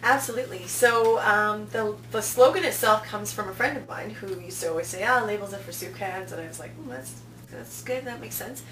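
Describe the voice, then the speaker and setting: In a medium-pitched, fairly bright voice, a woman in her thirties speaks fairly quickly as a casual interview guest, telling stories and acting out quoted lines. She works as a festival programming director. The small indoor office recording sounds roomy, with a distant mic and noticeable hum.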